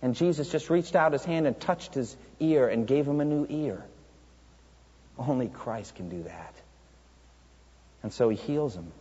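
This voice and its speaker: A man's voice: medium pitch, animated, a little slow, pauses often, dark tone, slightly rough. A man preaching a sermon in an earnest storytelling way, asking rhetorical questions of his congregation. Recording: dull, reverberant church hall sound.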